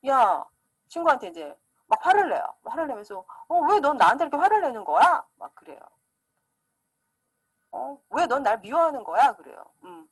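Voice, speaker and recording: A woman lecturing on psychology in a conversational way, acting out quoted examples. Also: medium pitch. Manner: lively, acts out quoted speakers.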